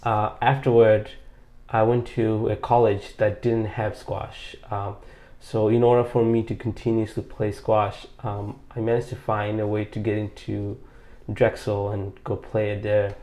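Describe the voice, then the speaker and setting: Here a squash coach from Bangladesh, late twenties, appears as an interview guest and recounts his story with many fillers and restarts. The delivery is flat and a little slow, and his lowish voice has a dark tone.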